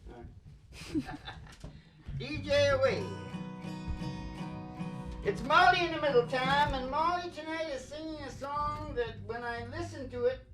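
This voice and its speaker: Over loud music and poor audio, this female radio host and musician talks in a high voice at a measured pace with long pauses. She rambles casually, musing philosophically and cracking jokes in a colloquial style that includes swearing.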